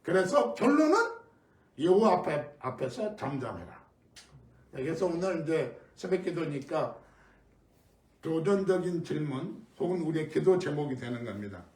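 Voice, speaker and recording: A middle-aged man from Korea preaching an early-morning sermon as pastor, telling stories in a conversational way with sudden loud emphases. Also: on the high side, sing-song, moderate pace. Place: church sanctuary. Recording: echoey room, mic at a distance.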